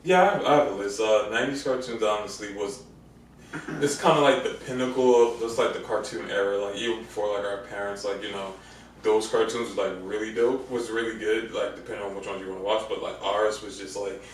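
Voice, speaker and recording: Lower-voiced male guest, easygoing and filler-heavy, echoing room with faint noise, far from the mic. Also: fairly even intonation, fairly quick. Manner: easygoing, many "like" fillers, a bit soft-spoken. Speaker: podcast guest. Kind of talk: casual podcast chat.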